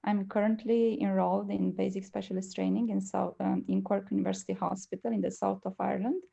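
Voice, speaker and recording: A young woman from Romania, speaking with a Romanian accent. She presents a medical case carefully and hesitantly, with many fillers. Her voice is gravelly, dark and mellow. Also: medium pitch, level tone, a little fast, muffled recording. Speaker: presenting doctor.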